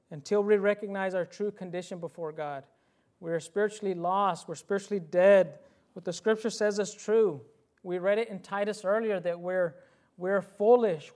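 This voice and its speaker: A man's voice: high-pitched, darkish tone. A man preaching a sermon in an earnest, emphatic way, repeating key phrases and putting direct questions to his listeners.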